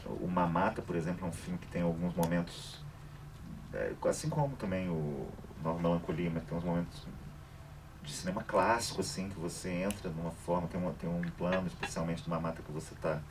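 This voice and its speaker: A very low-voiced man leads a relaxed post-screening debate, wandering through his thoughts with fillers. He sounds distant from the mic, with clear background noise in the cinema hall. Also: a little fast. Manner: rambling, thinking aloud with fillers. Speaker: festival debate moderator.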